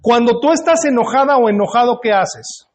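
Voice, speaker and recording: A male pastor with an extremely high voice preaches a sermon in a church hall at a moderate pace. He speaks conversationally, putting questions to the congregation.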